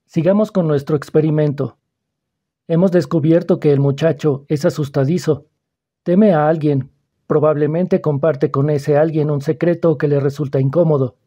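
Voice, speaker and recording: A man reading the part of a calm, persuasive schoolboy who probes another boy's fears, in an audiobook. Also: fairly high pitch, moderate pace, natural voice. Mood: calm, probing. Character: calm, probing, mysterious older schoolboy.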